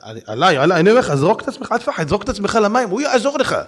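A man voicing a pushy young male apartment salesman who badgers loudly and will not let go. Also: high voice, sing-song, voice pushed up. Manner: insistent, badgering, loud.

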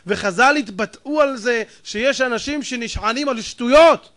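A man preaching a sermon as a rabbi, emphatic and mocking, firing rhetorical questions and swinging between loud outbursts and low muttered asides.

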